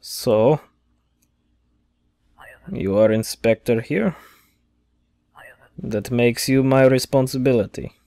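A man's voice: mid-range voice, slow pace, long pauses, dark tone, dry recording. A man reading out a stern male state supervisor from a video game, in curt, clipped broken English.

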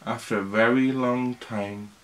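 A man's voice: mid-range voice, steady tone, a little slow. A man at home chatting on a family vlog and reading a picture book aloud to his child, with dry teasing asides. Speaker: vlog co-host and dad. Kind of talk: casual chat and reading a bedtime story.

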